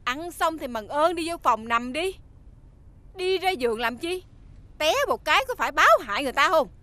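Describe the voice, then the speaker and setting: A sharp-tongued young mistress of a wealthy Southern household in a TV drama. Her speech is bright and forceful, set slightly high, and she talks down to her servants with open scorn. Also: expressive, brisk, no echo. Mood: scolding. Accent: Southern Vietnamese. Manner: scolding, bossy. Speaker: actress. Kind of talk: TV drama acting.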